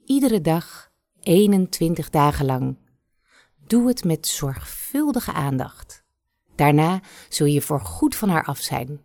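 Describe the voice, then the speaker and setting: A woman voicing a wise old village herb woman from a fairy tale, giving calm, firm instructions. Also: sits low, no room sound, clean studio sound, heavily acted. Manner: calm, commanding, unhurried.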